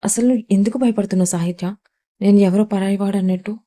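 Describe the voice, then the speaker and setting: A woman's voice: medium pitch, steady tone, quick pace, warm tone, natural voice. A woman voicing a hurt, earnest young man in an audio story, pleading in a wounded tone.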